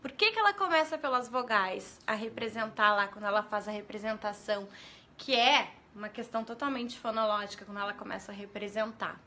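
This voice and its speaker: A woman with a Brazilian Portuguese accent who trains teachers gives a live-streamed lesson, asking viewers questions and greeting them by name. Her medium-pitched voice is bright and forceful, and she spells out letters slowly and clearly.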